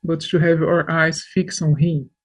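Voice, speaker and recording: A woman interviewed for a news report, her voice disguised and pitched down to sound deep, speaking in an earnest, halting way. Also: level tone, husky.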